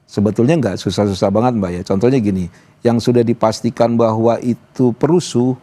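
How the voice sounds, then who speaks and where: A man's voice: medium pitch, fairly even intonation, a little fast, mellow. A man appearing as an activist guest on a TV talk show, speaking in a casual, talkative way with lots of fillers. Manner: casual and talkative, many fillers like "gitu" and "apa namanya". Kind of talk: live TV talk show discussion. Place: TV studio.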